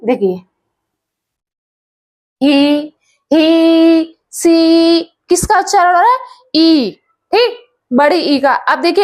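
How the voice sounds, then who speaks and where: A patient woman teacher, speaking in a high voice at an unhurried pace. She repeats each word and spells it out letter by letter. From India. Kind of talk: English pronunciation lesson.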